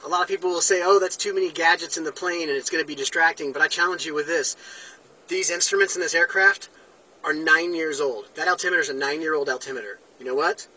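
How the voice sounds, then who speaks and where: A man in his forties vlogging in a deadpan, mock-earnest satirical style. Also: on the high side, fast talker, poor audio. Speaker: vlogger pilot. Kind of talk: satirical vlog. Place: home room, then small plane cockpit, then outdoors.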